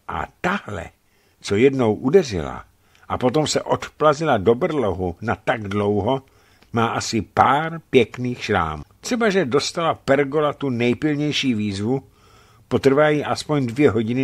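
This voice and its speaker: A man's voice: mid-range voice, dry recording. Man reading a novel aloud, dry studio sound. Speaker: radio reader. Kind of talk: scripted narration of a novel. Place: radio studio.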